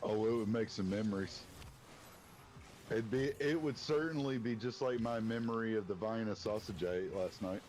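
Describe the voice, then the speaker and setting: A man with a bassy voice, chatting casually while gaming, laid-back and dryly teasing. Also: normal speed, darkish tone, a little hiss or hum. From East Tennessee. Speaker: gamer.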